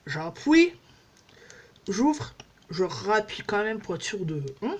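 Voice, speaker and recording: A woman's voice: mid-range voice, big pitch swings, takes it slowly, a little mellow, slightly rough. A woman beauty vlogger chatting casually at home through a makeup demo, rambling and joking at herself with many fillers.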